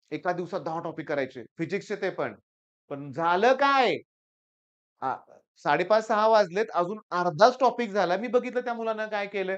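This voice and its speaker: The lo-fi recording captures a middle-aged tutor with a high-pitched, smooth voice. He delivers an emphatic, urging exam-preparation talk, peppered with stories from his classes.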